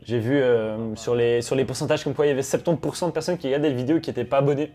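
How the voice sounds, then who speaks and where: A man's voice: medium pitch, racing, warm tone, faint music behind. A man casually commenting on a flight simulator as host and virtual pilot. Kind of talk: casual gaming commentary with pilot radio calls.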